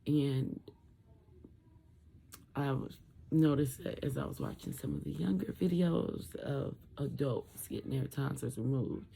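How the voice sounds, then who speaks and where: A vlogger in their late twenties speaks slowly in a husky, gravelly voice. The throat sounds swollen and sore after tonsil removal, so words come out thick and muffled. The delivery is tired, rambling and dull-edged. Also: medium pitch, fairly even intonation, warm tone. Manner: halting, rambling. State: tired, medicated, in throat pain. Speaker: vlogger sharing surgery recovery. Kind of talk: casual talk to camera. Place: room at home.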